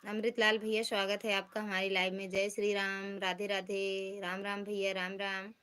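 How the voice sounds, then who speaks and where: Bright-voiced woman chatting on a live stream. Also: medium pitch, level tone, moderate pace, smooth. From Uttar Pradesh, India. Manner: chatty, teasing, greets and reads out viewer comments. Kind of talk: casual live-stream chat with viewers.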